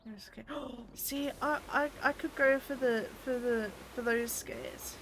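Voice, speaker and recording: A woman's voice: fairly high pitch, steady tone, a little slow, a little hiss or hum. A British woman in her twenties, chatting casually with her chat while playing a game. She teases people, laughs often and trips over her words. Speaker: game streamer.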